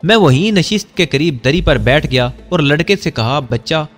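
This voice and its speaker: A man narrating a first-person story in a measured storytelling delivery. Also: fairly high pitch, expressive, a bit bright. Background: faint music.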